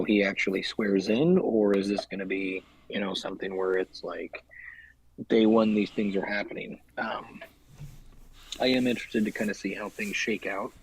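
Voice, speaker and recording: A man's voice: lowish voice, husky, no echo, low-quality recording. A man co-hosting a casual podcast, talking politics in a thoughtful, filler-heavy way. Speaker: podcast co-host.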